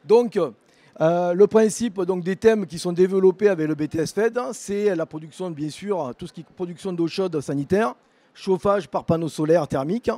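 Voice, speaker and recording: A middle-aged man with a southern French accent presents a training program at an education fair. His voice sits fairly high but sounds mellow, and he stumbles through filler words and restarts. The sound is close and dry. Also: normal speed, no echo. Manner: hesitant, heavy use of filler words and restarts. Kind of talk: conference talk at an education fair.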